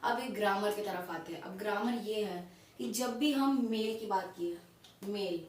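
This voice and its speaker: A woman teaching a language in a casual tutorial, spelling words out letter by letter, repeating them and checking in with quick questions. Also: medium pitch. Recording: very echoey room, distant mic, faint noise.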